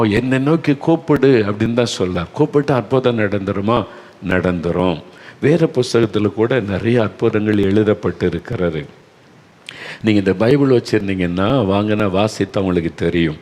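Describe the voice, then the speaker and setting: A man's voice: lowish voice, darkish tone. An older man preaching a devotional sermon with a Tamil accent, earnest and exhorting. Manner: earnest, exhorting, often quoting callers in a raised voice. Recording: long hall reverb.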